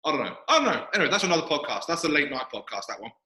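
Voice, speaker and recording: A podcast host with a slightly high, sing-song, sharp voice chats quickly and pokes fun at himself. He's sitting in a squat rack at the gym, and the big hall gives his voice a strong echo.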